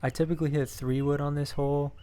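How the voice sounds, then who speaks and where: Calm, flat-voiced young man recapping golf. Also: a little high, quick pace. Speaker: scratch golfer. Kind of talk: voice-over recapping his golf shots.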